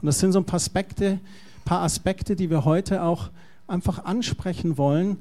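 A man's voice: sits high, normal speed, mellow. A male pastor giving a conversational, explanatory sermon.

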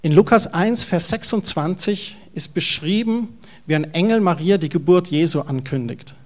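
A man's voice: sits high, normal speed. A middle-aged male pastor with a Bavarian German accent, preaching a sermon and asking the congregation questions. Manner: lively storytelling, asks the congregation questions.

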